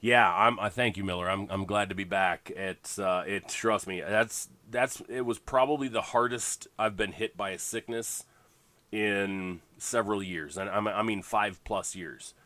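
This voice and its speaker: A man's voice: fairly low pitch, measured pace, pushed and bright, dry recording. A congested man hosting a fantasy football draft livestream, chatting casually and rambling with lots of fillers and restarts. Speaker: fantasy league host.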